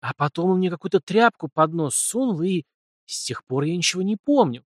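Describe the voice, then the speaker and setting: A frightened, naive young woman, voiced by a male narrator in an audiobook, speaking softly and hesitantly a little above his own pitch. Her questions come slow and unsure. The sound is dry and close to the mic. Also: lively intonation, no room sound. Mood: anxious. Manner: soft, hesitant, lightly raised voice.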